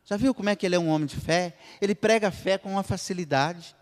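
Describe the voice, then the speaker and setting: Animated preaching man in an echoing church. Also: high voice, fast talker. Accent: Brazilian Portuguese, Minas Gerais. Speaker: pastor. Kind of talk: sermon. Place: church hall. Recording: long church reverb.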